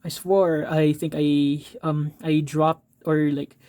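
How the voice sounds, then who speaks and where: A Filipino man from the Philippines chats casually in an art supplies vlog, rambling, full of ums, correcting himself and making apologetic asides. His mellow, slightly high voice is level in tone and unhurried.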